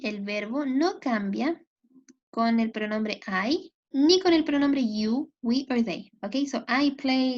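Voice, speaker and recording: A woman teaching English grammar, slowly and patiently repeating each point in two languages, with a Latin American Spanish accent. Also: a little high. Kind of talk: bilingual grammar lesson. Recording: dull lo-fi computer audio.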